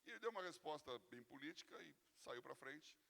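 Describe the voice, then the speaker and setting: A man's voice: on the high side, expressive, fairly quick, gravelly, a bit bright. A man with a Brazilian accent preaching a sermon in a church hall, telling personal stories in a conversational way with frequent "né?" tags. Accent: Brazilian Portuguese. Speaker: pastor. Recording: long reverb of a large hall.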